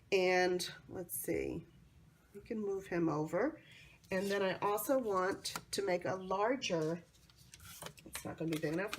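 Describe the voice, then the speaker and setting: An American woman with a hoarse, cold-affected voice hosts a casual how-to craft demonstration in a chatty, enthusiastic way. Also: on the low side, slight background noise. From North Carolina, United States. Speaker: craft tutorial host.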